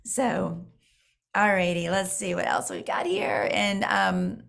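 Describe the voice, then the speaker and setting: Middle-aged woman, hoarse with heavy vocal fry, rambling casual Q&A host, self-correcting. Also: lowish voice, slow, a bit bright. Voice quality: hoarse, creaky. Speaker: diet program mentor and host. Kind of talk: casual live Q&A chat.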